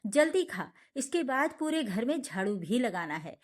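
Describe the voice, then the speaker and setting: A woman's voice: on the high side, very animated, moderate pace. A woman voicing a cruel, scheming young daughter-in-law who talks in a harsh, threatening, mocking way.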